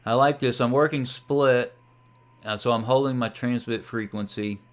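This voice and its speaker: A man with a mid-range voice talks at a normal speed. He's an amateur radio hobbyist giving a casual, unscripted screen-share tutorial on software, thinking aloud as he works the controls.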